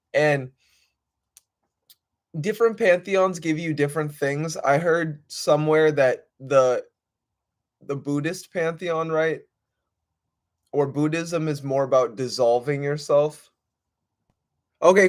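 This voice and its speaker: A man hosting a casual livestream, talking in an informal, rambling, slangy way. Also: fairly high pitch. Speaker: livestream host. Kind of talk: casual unscripted spiritual livestream chat.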